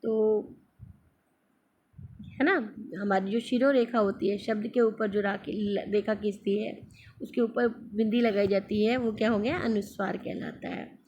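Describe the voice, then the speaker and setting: A woman's voice: medium pitch, fairly even intonation, unhurried, darkish tone, dull audio, a little hiss or hum. A woman teaching a grammar lesson to children, speaking patiently and calling her students "beta" as she asks questions and answers them herself. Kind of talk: screen-recorded classroom lesson.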